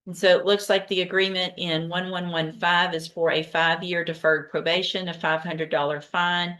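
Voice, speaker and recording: Low-pitched, commanding woman judge in court. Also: little pitch movement, fairly bright tone. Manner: brisk, direct, commanding. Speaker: judge presiding over a court docket. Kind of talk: formal courtroom proceedings, questioning defendants.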